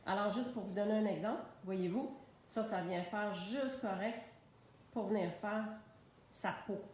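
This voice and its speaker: A woman with a Québécois French accent leads a live craft tutorial, narrating each coloring step in a chatty, unhurried way. Her speech is slow and her pitch sits in a middle range. The recording is very echoey, with a faint hiss underneath. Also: a little mellow. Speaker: craft demonstrator. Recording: very echoey room, faint noise.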